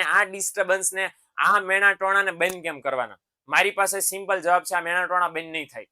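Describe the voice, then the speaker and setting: Bright, sharp-toned teacher man. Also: sits high. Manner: fatherly, calls students "sons", frequent tag questions. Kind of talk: motivational lesson to students.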